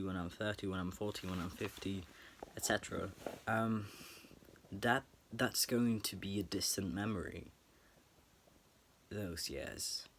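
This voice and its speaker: A young man speaking to camera in a late-night personal reflection, earnest and thoughtful, pausing and restarting as he searches for words. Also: fairly low pitch, fairly bright tone, a little hiss or hum. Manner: halting, thoughtful, many pauses and restarts. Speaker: vlogger.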